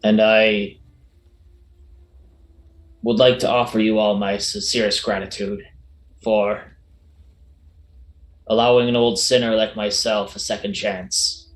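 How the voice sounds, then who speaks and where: A man voicing a gruff, sentimental old sea dog, like an old fisherman, speaking with earnest formality in a tabletop game. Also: lowish voice, little pitch movement, slow, long pauses, echoey room. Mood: humble, grateful. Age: older.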